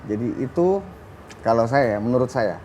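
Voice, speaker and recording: A man who is a guest on a television talk show, explaining his hobby in a relaxed, plain way and addressing the host politely. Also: medium pitch, normal speed, slight background noise. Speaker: guest, trail motorbike rider. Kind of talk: studio interview.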